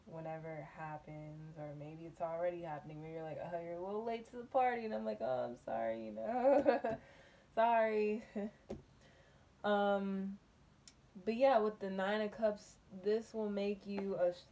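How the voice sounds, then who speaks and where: A woman giving a casual tarot reading, musing and unhurried, humming and laughing softly between thoughts, from a table in a small dim room. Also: medium pitch, fairly even intonation, vocal fry, slight background noise. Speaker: tarot reader.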